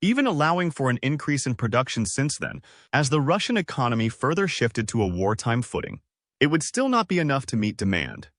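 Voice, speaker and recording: A man giving scripted documentary narration in a measured, explanatory way. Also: mid-range voice, sing-song, a bit bright, dry recording, clean studio sound.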